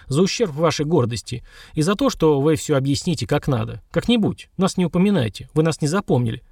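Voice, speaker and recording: Calm, terse wizard healer in an audiobook, giving orders, voiced by a male narrator. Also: on the high side, a little fast, vocal fry, husky, no echo, clean studio sound, exaggerated voice.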